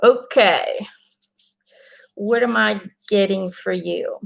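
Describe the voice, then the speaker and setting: The low-quality recording carries a creaky, mid-range woman's voice that moves slowly. She's a Belgian intuitive card reader, Dutch by first language, offering viewers an earnest, casual reading full of encouragement, fillers and restarts.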